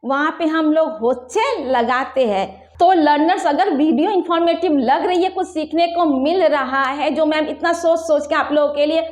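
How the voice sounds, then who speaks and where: A woman teaching a language lesson at a board, explaining patiently and slowing down to spell out example phrases. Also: high voice, a little mellow, roomy sound. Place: room with a whiteboard.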